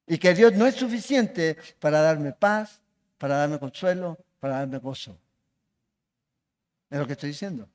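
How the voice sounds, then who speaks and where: A man's voice: a little high, measured pace, long pauses. A man preaching a sermon as pastor, asking the congregation questions as he goes. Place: church hall. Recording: long reverb of a church hall.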